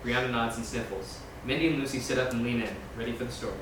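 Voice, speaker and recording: Reading the stage directions, a man with a medium-pitched voice moves at a quick pace through scripted screenplay narration at a table read. A distant mic picks him up in a very echoey, noisy room.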